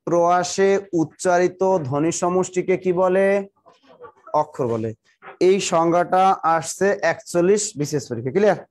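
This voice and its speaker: A man with a high-pitched voice teaches a live online class and dictates the same definition again and again. He keeps telling students to write quickly and greets viewers by name as they join. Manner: repeats definitions slowly for students to write down, urging them to hurry; talks to viewers directly, greeting them by name and district. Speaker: exam-prep teacher.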